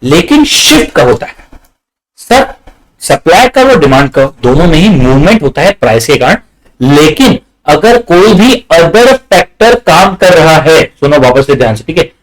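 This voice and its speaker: A man's voice: fairly high pitch, measured pace, low-quality recording. A man teaching economics in an online revision lecture, mixing Hindi with English terms, repeating points and quizzing his students. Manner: animated, repeats points, asks students questions.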